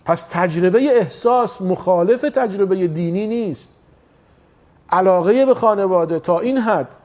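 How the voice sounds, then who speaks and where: A man preaching a sermon that turns into a mourning elegy, impassioned, with slow drawn-out chanted passages. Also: darkish tone. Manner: impassioned, rising to high emotional peaks.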